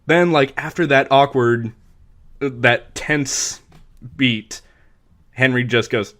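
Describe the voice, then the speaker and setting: A man's voice: medium pitch, slow, a bit bright. A young man on a podcast casually recapping a film plot, rambling with lots of fillers. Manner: rambling, filler-heavy retelling with bursts of impressions. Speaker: podcast co-host. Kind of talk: casual movie recap chat.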